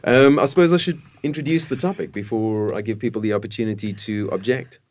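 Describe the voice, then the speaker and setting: A man's voice: lowish voice, fast talker, darkish tone, dry recording. A man with a South African accent hosting a casual panel chat, joking and teasing his co-hosts in an upbeat way. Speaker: podcast host.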